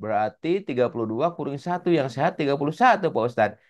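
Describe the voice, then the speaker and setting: A man's voice: medium pitch, lively intonation, fast talker, lightly acted. A man voicing a young man with a toothache, complaining and exasperated in a raised voice. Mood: meek.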